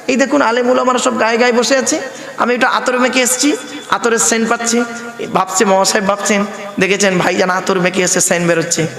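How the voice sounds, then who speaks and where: Casting: male preacher, high pitch, asks questions, PA mic in an echoey pandal. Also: steady tone, a little fast. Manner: call-and-response, rhetorical questions. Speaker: Islamic preacher. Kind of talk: waz sermon to a gathering. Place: outdoor sermon pandal over loudspeakers. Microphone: handheld PA microphone. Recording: echoey hall, long reverb.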